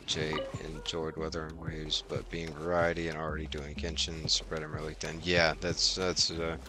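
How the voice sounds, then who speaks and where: A variety game streamer chats casually while playing, muttering short fragments in a bass voice with a completely flat delivery at a moderate pace. Video game music plays behind him.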